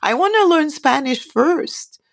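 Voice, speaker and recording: A woman co-hosting a podcast, relaxed and laughing often. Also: sits high, measured pace, vocal fry, a little hiss or hum. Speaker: podcast co-host. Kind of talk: casual chat.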